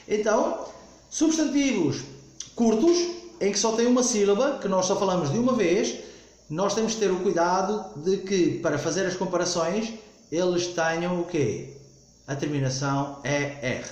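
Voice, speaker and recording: A man teaches an English grammar lesson, speaking slowly and repeating key points with frequent "ok?" checks. His voice sits a little high and moves through a lively pitch range. The recording has a roomy echo. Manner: slow, repetitive explaining, frequent "ok?" checks.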